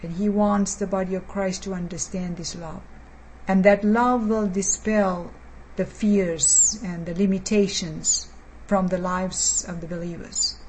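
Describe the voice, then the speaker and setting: A woman preacher teaching a sermon in a measured way, repeating key phrases for emphasis. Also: mid-range voice, fairly even intonation, darkish tone, a little hiss or hum, low-quality recording.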